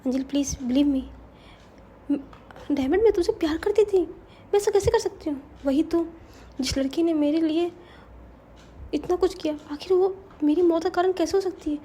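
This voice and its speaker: A murdered young woman's ghost pleads in a high, soft voice, stammering as she insists she did no harm, as a woman storyteller puts her on. The tone is mellow and dark. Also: normal speed, long pauses, a little hiss or hum. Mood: pleading.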